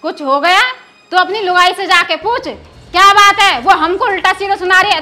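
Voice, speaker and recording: A woman's voice: very high voice, pushed and bright. A woman playing an indignant rural mother-in-law who nags and scolds. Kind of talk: rural film drama acting.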